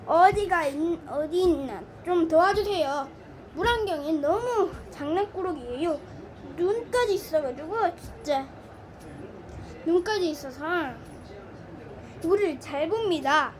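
A woman's voice: extremely high pitch, lively intonation, unhurried. A woman narrating a playful toy video, talking to viewers in a coaxing, sing-song way. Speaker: toy play video host.

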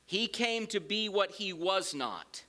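A man's voice: high voice, slow pace. A middle-aged man with a Southern accent, preaching a sermon in a church with folksy asides. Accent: Southern American. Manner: animated, gestures widely while preaching; folksy asides between scripture quotes. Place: large church sanctuary with empty pews. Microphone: lectern mic, roams away at times.

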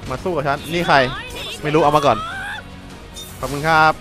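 A man with a Thai accent giving casual, excitable commentary over a video game, repeating catchphrases as he plays. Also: a little high, normal speed, music in the background, poor audio. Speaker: gameplay commentator.

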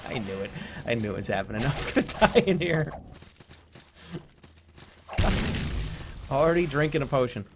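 Excitable man swearing through gameplay. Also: medium pitch, unhurried, pauses often, noisy background. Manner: excitable, swearing outbursts and laughter. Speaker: streamer. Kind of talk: gameplay commentary.

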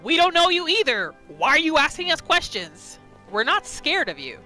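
Game music and sounds run behind a woman narrating her roleplay playthrough in a high-pitched, sing-song voice with a sharp tone at a moderate pace. Her reactive commentary is full of exclamations and rhetorical questions, and she speaks as the character too.

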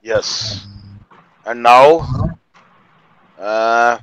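A man's voice: medium pitch, extremely slow, a bit bright, smooth, no room sound. A male teacher with a North Indian accent giving brief classroom prompts in an online class. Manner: very brief prompts mixing Hindi and English. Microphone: online video call. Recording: noisy online class audio.

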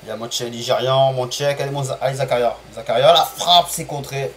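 A man streaming a football management game live, chatting to viewers, apologizing for stream bugs and calling plays with bursts of excitement. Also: mid-range voice, fairly quick, slight background noise, low-quality recording. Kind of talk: live gameplay commentary.

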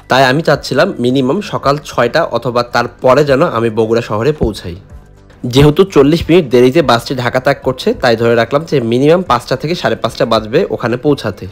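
A man giving scripted voice-over narration for a travel vlog, describing the trip as he goes. He talks quickly. Soft music plays under his voice. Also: medium pitch. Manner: descriptive, reviewing. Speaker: travel vlogger.

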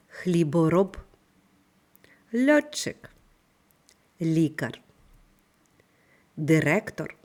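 A woman guides young pupils through a reading lesson, her delivery slow, clear and instructive. Her voice sits a little low, yet it moves with plenty of melody as she reads out word lists and tongue twisters. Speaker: primary school teacher. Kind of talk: scripted online reading lesson.

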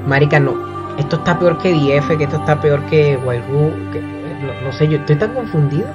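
A man reacting to a show at home late at night, excitable and swearing often, with sudden shrieks. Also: a little high, moderate pace. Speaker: reaction video host. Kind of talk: casual reaction commentary. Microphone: built-in computer microphone. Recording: dull lo-fi laptop mic with show music playing.

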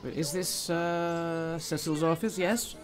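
A man with a fairly high voice gives casual playthrough commentary. He thinks aloud and reacts to the game, with game music faintly behind him. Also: flat delivery, slow. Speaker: gaming video host.

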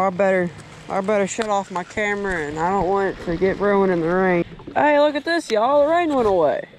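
Out on a lake in a small boat, a young adult American fishing vlogger speaks in a high-pitched voice, offering laid-back, folksy commentary built on repeated short phrases. The audio comes from an action camera worn or held at arm's length, with boat and outdoor sounds in the background.

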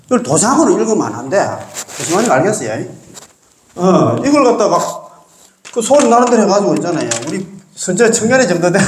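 Folksy lecturing monk in an echoey room. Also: male voice, a little high. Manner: folksy, keeps asking the class to agree. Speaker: Buddhist monk teaching a class. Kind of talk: casual classroom lecture.

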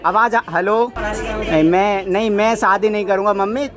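Young man loudly faking a phone call. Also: high-pitched, fairly even intonation, normal speed. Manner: loud, talking to a phone, cooing and coaxing. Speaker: prankster. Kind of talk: fake phone call prank. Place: metro train. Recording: busy crowd and loud noise behind.

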